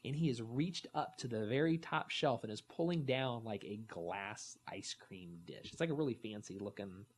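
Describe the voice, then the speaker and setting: A man's voice: medium pitch, normal speed, slightly rough. A man in his thirties co-hosting a podcast, telling stories casually and acting out the quotes. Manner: animated storytelling, acts out quotes. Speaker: podcast co-host. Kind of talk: casual chat.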